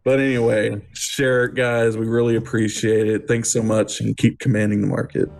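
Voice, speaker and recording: A man's voice: medium pitch, little pitch movement, normal speed, gravelly. A man co-hosting a casual chat show, rambling and jokey, who goes off on comic tangents. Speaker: podcast co-host.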